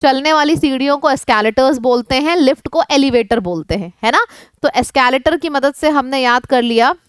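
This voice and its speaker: Indian woman, high pitched, vocabulary tutor for exam prep, mixes Hindi and English, dry close recording. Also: moderate pace, clean tone, no room sound. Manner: lively, asks the class questions and repeats synonyms in lists; switches between Hindi and English. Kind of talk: online class explaining English words in Hindi.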